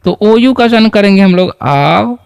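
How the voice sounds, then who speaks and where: A man teaches simple English words to learners in Hindi. His voice sits high and sounds smooth and clear. He checks understanding often and repeats each word patiently, recorded close and dry. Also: expressive, normal speed, darkish tone, dry recording, dull audio. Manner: patient, repeats words and asks the viewer questions. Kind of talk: spoken English lesson in Hindi.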